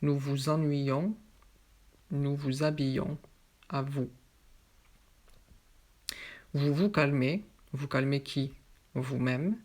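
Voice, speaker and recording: A teacher giving a French grammar lesson, slowly drilling example sentences one by one. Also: medium pitch, darkish tone. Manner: slow, patient drilling of examples.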